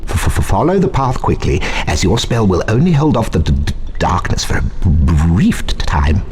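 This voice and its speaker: An actor playing a timid wizard professor in a video game, stuttering heavily and speaking in a hesitant, halting way. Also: male voice, fairly low pitch, wildly swooping pitch, darkish tone, a little hiss or hum. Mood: nervous, instructive. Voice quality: heavy stutter on consonants. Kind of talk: video game character acting.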